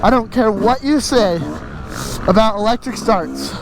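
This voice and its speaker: An out-of-breath man hosting a casual riding vlog on a desert trail, energetic and whooping as he talks from a helmet mic. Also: high voice, a little slow. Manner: energetic, whooping, laughing between sentences. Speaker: host. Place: outdoor desert trail, riding a dirt bike. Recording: loud engine and wind noise.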